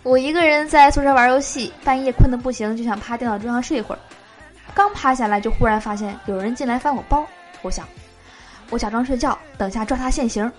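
A woman's voice: fairly high pitch, steady tone, quick pace, faint music behind. A woman hosting a show, reading short jokes aloud and laughing at her own punchlines. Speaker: host.

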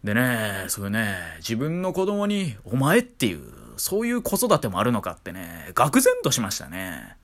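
A man's voice: lowish voice, wildly swooping pitch, moderate pace, few pauses, a bit bright. A man with a Kansai accent, a streamer telling a casual story in a chatty, wry way, full of fillers.

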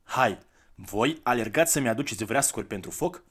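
A man voicing a gentle, weary traveler who is kind and coaxing, in a soft, slightly lifted voice. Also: mid-range voice, lively intonation, husky.

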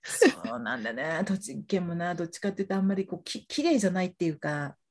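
Husky, lively-voiced woman chatting. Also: fairly low pitch, fast talker. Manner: chatty, frequent backchannel. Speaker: podcast co-host. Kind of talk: casual chat.

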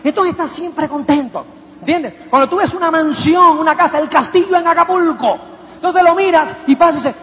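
A man giving a motivational seminar talk to an audience, rhetorical and animated, constantly asking if they follow him. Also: extremely high pitch, fairly quick. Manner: rhetorical, keeps asking "¿me entiendes?"; acts out little quoted voices and anecdotes. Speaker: motivational speaker. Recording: echoey hall, dull lo-fi sound.

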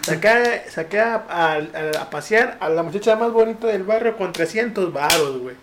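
A man's voice: high voice, moderate pace, a little hiss or hum. A young man, telling a story in casual podcast chat, full of slang and acted-out quotes. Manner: slangy, animated, acts out quotes in raised voices. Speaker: podcast host.

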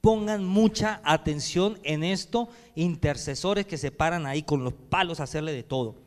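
A man preaching a sermon as pastor. He swings between loud preaching and hushed speech and speaks directly to the congregation. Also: a little high, normal speed, smooth, long reverb tail. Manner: addresses the congregation directly with calls to respond. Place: church hall.

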